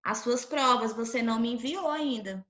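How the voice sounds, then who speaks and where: A Brazilian woman teacher leads an online lesson for young children with a bright, slightly high voice. She speaks patiently, breaking words into syllables and asking again and again whether the class is following. The audio is a roomy, muffled video-call recording. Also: normal speed. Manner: patient, sounds out syllables, checks in with "tá?" often. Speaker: primary school teacher.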